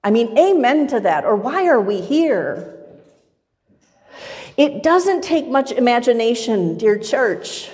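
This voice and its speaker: A middle-aged woman pastor preaching a sermon from a pulpit in a church, in a measured, rhythmic style with much repetition. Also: fairly high pitch, very animated, darkish tone. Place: church sanctuary with pipe organ, far camera. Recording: long church reverb.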